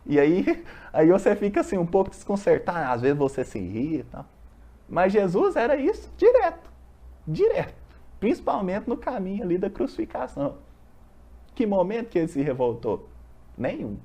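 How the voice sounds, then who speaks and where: A study group leader with a Brazilian accent talks in a husky voice whose pitch swings up and down freely. The talk is casual and explanatory, reading from a text and then unpacking it with homely examples and rhetorical questions. It sounds like a meeting room of a university group. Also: very animated, moderate pace, warm tone.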